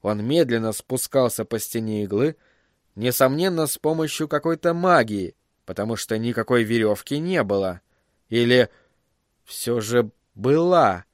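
A man reading a fantasy story aloud in a measured, even storyteller's voice. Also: mid-range voice, dry recording, clean studio sound. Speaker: audiobook narrator. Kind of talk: scripted storybook narration.

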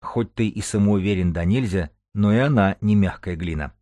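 A man reading an audiobook, voicing a calm, reserved surgeon who speaks dryly. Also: fairly low pitch, moderate pace, no echo, lightly acted. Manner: calm and dry.

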